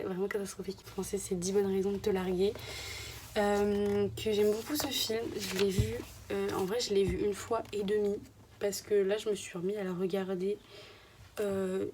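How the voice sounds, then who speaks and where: Young woman from France, casual vlog chat, flat even delivery, faint hiss behind, phone camera. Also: mid-range voice. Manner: chatty, rambling, often drops to a whisper. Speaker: vlogger.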